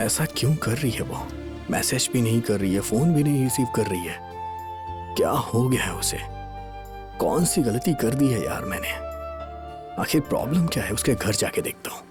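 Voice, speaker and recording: A young man frets over the girl who won't answer him, as a dub actor voices him. His voice swings widely, and it rides over loud film music. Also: medium pitch, animated, moderate pace, long pauses, close to an everyday voice. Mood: worried. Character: young man, worried lovesick shopkeeper. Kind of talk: Hindi film dubbing.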